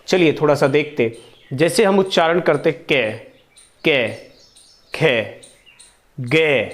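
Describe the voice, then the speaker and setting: A young man teaching a grammar lesson, speaking slowly and repeating each sound for his pupils to copy. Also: fairly high pitch. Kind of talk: online Hindi grammar lesson.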